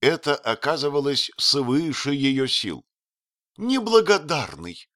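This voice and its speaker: A man's voice: on the low side, animated, a little slow, a bit bright, dry recording, clean studio sound. A man narrating a novel aloud in a theatrical way. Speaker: audiobook reader. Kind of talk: expressive literary narration.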